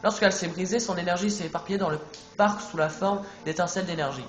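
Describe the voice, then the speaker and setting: Brief: gremlin repairman, a man reading the part, brisk and high. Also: fairly even intonation, lightly acted. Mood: eager. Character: gremlin mechanic with a wrench. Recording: echoey room, music behind.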